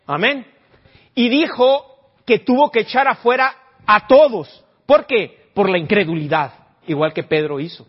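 A man's voice: sits high, a little slow, husky. A man preaching a sermon in a conversational way, often quizzing the congregation. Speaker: pastor. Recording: dull lo-fi recording.

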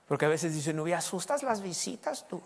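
A man preaching a loud, excitable sermon as a pastor, full of exclamations and laughter. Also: a little high, fairly quick, vocal fry. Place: church sanctuary. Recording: long hall reverb.

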